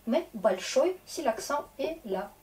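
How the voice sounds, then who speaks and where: Slow, mellow-voiced woman teacher. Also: high-pitched, animated, recorded from a distance. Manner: chatty, encouraging, checks in with "d'accord?". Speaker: Russian teacher. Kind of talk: casual lesson explaining grammar.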